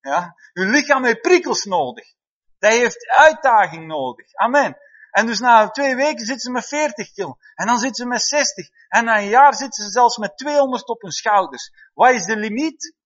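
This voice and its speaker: Male pastor, higher voice, animated sermon style with frequent amens, dull lo-fi recording. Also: normal speed. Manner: lively, calls out "amen" and "hè?" to the congregation. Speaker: preacher. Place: church hall before a congregation. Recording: dull, slightly lo-fi sound.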